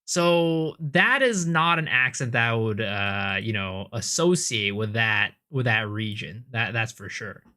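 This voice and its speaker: A man streaming live games and reacting to clips, animated and prone to stammering and repeating words when he gets excited. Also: lowish voice, unhurried, few pauses. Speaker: game streamer.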